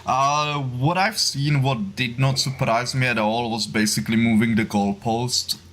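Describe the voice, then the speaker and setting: A man speaks on a panel in a middle pitch. He talks casually and keeps padding his thoughts with little fillers. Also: fairly even intonation, measured pace, a bit bright, a little hiss or hum. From Czech Republic. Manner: chatty, leans on "you know, like". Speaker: YouTuber guest.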